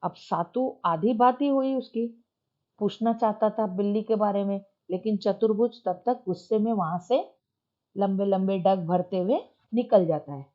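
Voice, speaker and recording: A woman teacher explaining a story lesson, asking questions and answering them herself. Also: medium pitch. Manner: asks questions and answers them herself, reads English lines slowly. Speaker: English teacher. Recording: dull lo-fi recording.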